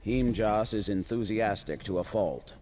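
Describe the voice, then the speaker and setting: An actor voicing a stern, distrustful lizard-folk guard in formal, accusing fantasy game dialogue. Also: male voice, fairly low pitch, unhurried, background noise, natural voice. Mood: suspicious. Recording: music playing behind.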